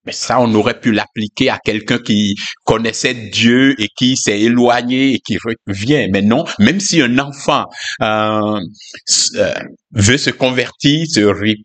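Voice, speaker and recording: A man's voice: mid-range voice, measured pace, a bit bright. A man giving an informal, conversational sermon, musing aloud with frequent fillers and asides. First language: not English. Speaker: preacher.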